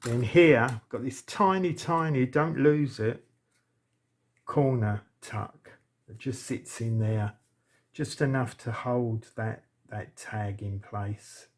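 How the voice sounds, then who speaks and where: Slow-talking man demonstrating a craft. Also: mid-range voice, darkish tone. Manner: chatty, thinks aloud while working. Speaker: crafting channel host. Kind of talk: casual crafting tutorial.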